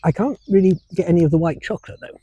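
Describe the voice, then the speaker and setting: A man's voice: sits high, very fast, warm tone, husky, dry recording, lo-fi sound. A man co-hosting a casual chat podcast, teasing and playful. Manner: playful, teasing, chuckles often. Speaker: podcast co-host.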